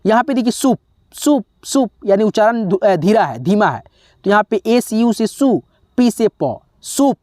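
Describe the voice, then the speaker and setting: A man teaching a spelling lesson, slowly sounding out letters one by one and often pausing to check in with his viewers as friends. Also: high-pitched, lively intonation, darkish tone, no echo, studio quality. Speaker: English teacher.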